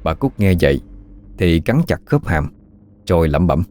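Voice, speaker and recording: Low-voiced man narrating a ghost story. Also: sing-song, moderate pace, darkish tone. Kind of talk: scripted horror story narration. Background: faint music.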